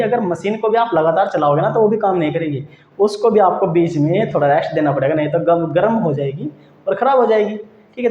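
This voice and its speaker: Male teacher with a high voice, explaining patiently and repeating himself, in a roomy room on a dull, lo-fi recording. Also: a little mellow. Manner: repeats key points, asks and answers own questions, says "theek hai" often. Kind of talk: explanatory grammar lesson.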